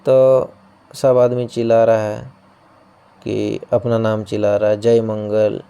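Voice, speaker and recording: A man's voice: lowish voice, level tone, measured pace, creaky, mellow, clear, resonant tone, lo-fi sound. A man teaching an exam-prep class, explaining through playful memory tricks and often checking in with his students. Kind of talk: coaching-class lesson.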